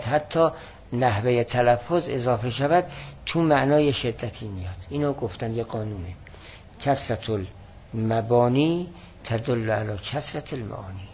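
A man teaches a classical text in a steady, explanatory way, with a voice neither high nor low. He reads quoted passages slowly and with more weight. A faint background hiss sits under the recording.

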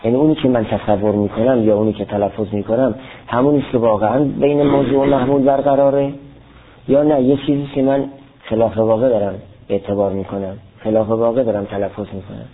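In a tinny, phone-like recording, a theology and logic teacher reads out a classical Arabic text in his lecture and explains each line. He speaks at a medium pitch with little pitch movement.

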